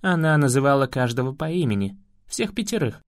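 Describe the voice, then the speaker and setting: A man's voice: on the high side, animated, moderate pace, dry recording, studio quality, close to an everyday voice. A man reading an audiobook voices a lovelorn, stern male elf guardian, speaking in an earnest, grave way.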